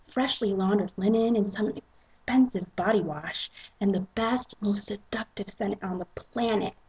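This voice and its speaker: A woman narrating a romance novel as a dramatic reading, with a husky, breathy voice. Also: mid-range voice, unhurried, a little mellow, low-quality recording. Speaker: reader and narrator.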